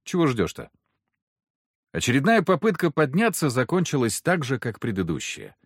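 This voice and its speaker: A man's voice: medium pitch, wildly swooping pitch, a little fast, breathy edge, dry recording, studio quality. A man reading a first-person adventure audiobook in a wry, sardonic storytelling manner. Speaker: audiobook narrator.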